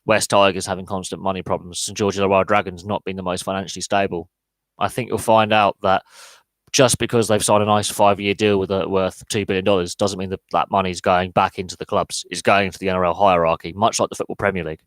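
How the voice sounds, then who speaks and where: In a dry recording, a podcast host with a low voice talks fast and with little pitch movement during a live Q&A. He's opinionated, answering chat in real time with lots of fillers, repeated words, and restarts.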